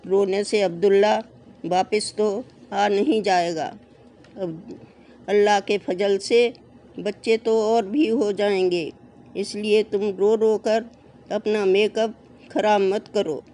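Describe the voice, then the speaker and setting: Narrator doing a smug careless husband, offhand lecturing, slow speech. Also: medium pitch, fairly even intonation, dark tone, slight background noise.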